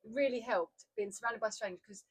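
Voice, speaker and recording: A woman's voice: fairly high pitch, brisk, breathy edge. A woman with an Essex accent, an actor co-hosting a casual chat, who tells stories with lots of laughter. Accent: Essex English. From Essex, England. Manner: chatty, laughs often, animated storytelling. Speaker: podcast co-host, actor.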